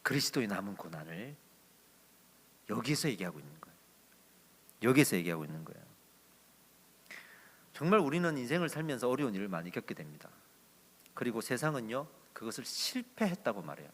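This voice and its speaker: A male pastor preaching a sermon at a Friday prayer meeting in an expressive storytelling manner. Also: medium pitch, big-room sound.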